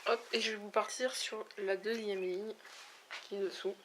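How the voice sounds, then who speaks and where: A woman with a mid-range voice talks casually while swatching eyeshadows. She chats along hesitantly, filling pauses with small fillers. A faint noise sits behind her home recording. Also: medium pitch, steady tone. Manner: chatty, hesitant, many fillers. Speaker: beauty vlogger. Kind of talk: casual makeup swatch review. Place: at home, near a window with backlight.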